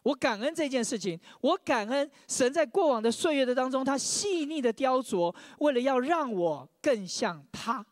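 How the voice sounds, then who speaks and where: A man's voice: very high voice, lively intonation, normal speed, hardly any pauses, dry recording, clean studio sound. A man preaching a sermon, sharing his own testimony, often stammering over repeated words and leading the congregation in reading scripture aloud.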